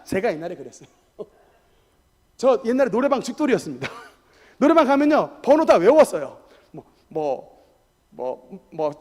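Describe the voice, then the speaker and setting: A male pastor delivers an animated sermon in a strikingly high voice that swoops up and down. He tells personal anecdotes with emphatic energy. The recording carries the long, echoing reverb of a church sanctuary. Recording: echoey church hall.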